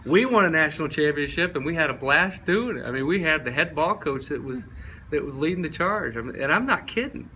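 A man's voice: on the high side, lively intonation, fairly quick, sharp tone, slight background noise, low-quality recording. A man, a former football player telling laughing anecdotes in a casual interview and often mimicking his old coach. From East Tennessee.

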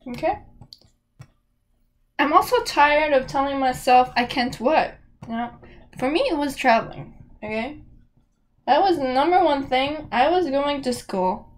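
High-voiced young woman vlogging. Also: lively intonation, a little slow, long pauses. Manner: candid, emphatic, says okay often. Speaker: self-help vlogger. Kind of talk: casual motivational talk to camera.

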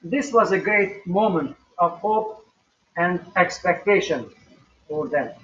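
An older man preaching a recorded sermon at home in a slow, measured way with emphatic rises. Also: sits high, animated, fairly bright tone. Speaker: pastor. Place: small home room, indoors. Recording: echoey, distant, dull webcam audio.

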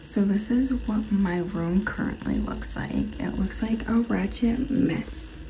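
Soft, gravelly-voiced young woman vlogger. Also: mid-range voice, wildly swooping pitch, slow, low-quality recording. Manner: soft-spoken, often half-whispered. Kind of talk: casual vlog chat. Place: dorm room.

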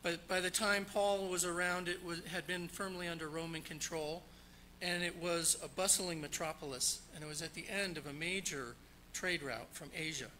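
Brief: male preacher in a church, very bright and forceful tone, slightly high, joking storyteller. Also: steady tone, moderate pace, a little hiss or hum, poor audio. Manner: jokey, storytelling, then explanatory. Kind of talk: sermon with jokes. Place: church sanctuary.

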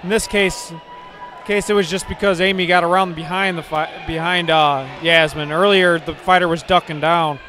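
A man's voice: a little high, steady tone, normal speed, pushed and bright. A man giving casual live boxing commentary from ringside in a sports hall. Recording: live camera audio with clear crowd noise.

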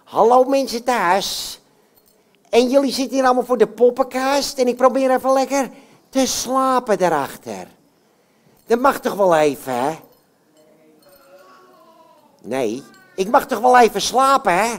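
A woman plays a cheeky male puppet hero who boasts and chats with the crowd in a live puppet show. His pitch swoops up and down with a lively bounce, and he never stops talking to the audience. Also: measured pace, long pauses. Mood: puzzled. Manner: chatty, talks straight to the audience, boastful.

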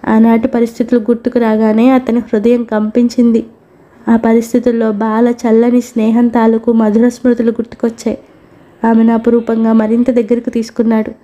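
A woman reading a novel aloud as a storyteller, with steady, even narration. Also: fairly high pitch, fairly quick.

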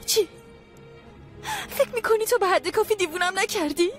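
Crying heartbroken young woman, pleading and accusing, very high pitched, dubbed TV drama. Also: faint music behind. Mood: tearful pleading. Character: heartbroken young woman confronting her former love. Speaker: dubbing actress.

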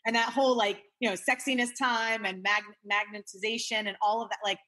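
Husky woman coach, emotional, teary, says like a lot. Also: medium pitch, fairly even intonation, fairly quick, sharp tone. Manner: emotional, earnest, many fillers. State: tearful. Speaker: guest coach. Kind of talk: casual interview chat.

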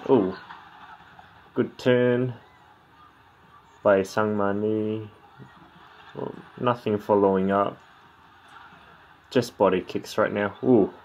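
Slow-paced, low-voiced man commentating a fight. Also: dull audio. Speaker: fight commentary video creator. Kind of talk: casual reaction commentary on a Muay Thai fight. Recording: clear background noise of fight footage.

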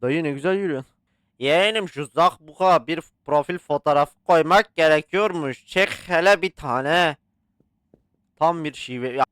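A man casually commentating a horror photography game, swearing and yelling at scares between calm muttering. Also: fairly high pitch, normal speed, clean tone, no room sound. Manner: swears and yells at jump scares, chatty with the game. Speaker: gaming channel host. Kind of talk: casual let's-play commentary.

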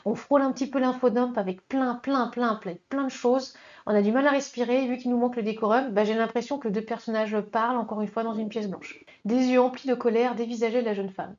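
Woman beta reader ripping into a manuscript, kinda high voice, lots of euh, slightly muffled lo-fi audio. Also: brisk. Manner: lively and blunt, with many fillers and asides. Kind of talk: critiquing a manuscript excerpt aloud.

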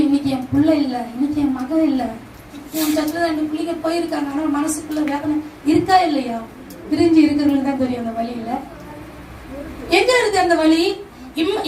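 A woman preaching at a live service, her voice pitched high and carrying through an echoey hall. She is heard from a distance, with faint room ambience underneath. She presses her point with rhetorical questions and words repeated for emphasis. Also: slight background noise. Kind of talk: live sermon. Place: church meeting hall.

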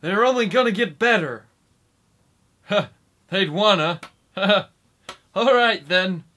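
A young man of twenty rambles through a comic vlog in a slow, halting, mock-doddering way, leaving long gaps between words. His voice sits high and sounds bright and forceful. He speaks into a desk microphone in a small indoor room. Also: expressive. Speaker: YouTuber. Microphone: desk microphone in front.

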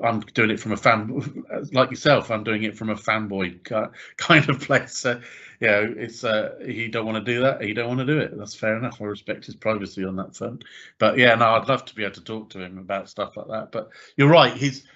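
A man's voice: on the low side, a little fast, pushed and bright, lo-fi sound. A man hosting a casual podcast chat, talking hesitantly with many fillers and repeated words.

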